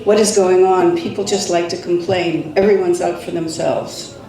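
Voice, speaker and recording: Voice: medium pitch, steady tone, moderate pace, dark tone, natural voice. A reader doing a pompous blustering husband. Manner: lecturing, self-important. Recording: echoey hall, distant mic.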